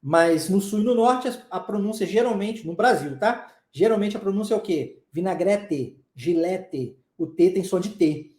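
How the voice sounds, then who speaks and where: A man's voice: high-pitched, normal speed, few pauses, darkish tone, reverberant. A man with a Southeastern Brazilian accent, teaching English pronunciation in a live class in a chatty way and checking in with his students often. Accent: Southeastern Brazilian Portuguese. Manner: chatty, checks in often with "tá?", coughs now and then. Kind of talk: live online class, casual explanation.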